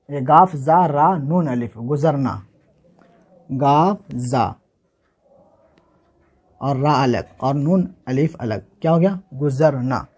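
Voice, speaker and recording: This casual writing lesson comes from an Urdu handwriting teacher from Bihar, India, whose slightly raised voice is fairly high and a little mellow. Slowly and repeatedly he says each word, spells it letter by letter, and asks and answers questions himself.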